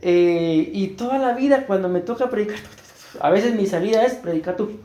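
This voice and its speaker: A man's voice: high-pitched, moderate pace, warm tone. A middle-aged man with a Costa Rican accent, preaching a sermon as pastor and earnestly asking his congregation rhetorical questions. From Costa Rica. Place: church hall. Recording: roomy church echo.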